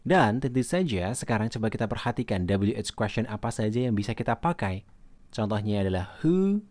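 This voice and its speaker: A man teaching English grammar in a recorded lesson. He reads English example questions slowly and then translates them. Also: lowish voice, very animated, a little mellow, no echo.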